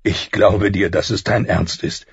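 A man voicing a grave, dutiful northern lord in an audiobook, calm and restrained. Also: low voice, measured pace, slightly rough, no room sound, muffled recording, exaggerated voice. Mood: wistful. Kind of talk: audiobook character voice.

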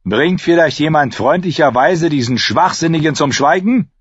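Ein Mann liest einen arroganten jungen Lord, spöttisch und befehlend, in einer Hörbuchlesung. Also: male voice, fairly high pitch, animated, moderate pace, husky, dry recording, dull audio, pitched above the performer's own voice. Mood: scornful, commanding. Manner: mocking, commanding. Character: arrogant young male usurper lord. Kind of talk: audiobook reading.

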